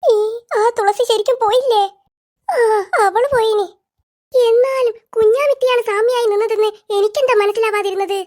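A cartoon voice actor voices squeaky schoolkids in an animated comedy, trading quick, teasing banter in a bickering mood.

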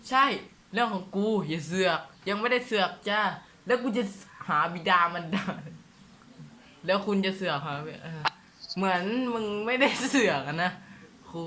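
Male live-stream host, teasing banter, bright forceful voice, from thailand. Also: sits high, a little hiss or hum. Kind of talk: live stream chat reading viewer comments.

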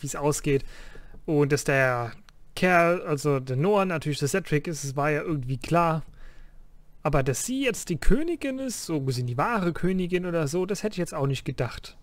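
A man's voice: fairly high pitch, no room sound. A man giving casual commentary as a let's play host in a room at home.

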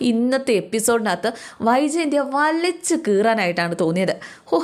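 A woman host talking straight to her viewers, retelling a TV serial in a casual, gossipy way. She keeps checking in with tag questions as she goes. Her pitch sits in a plain middle range. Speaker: channel host recapping a TV serial. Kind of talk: casual storytelling recap.

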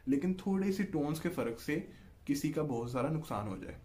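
Teaching an online language lesson, a man with a Pakistani Urdu accent explains patiently, often checking in with listeners by repeating "ठीक है जी" and stretching out example sounds. His voice runs on the high side, animated, brisk and a little mellow.

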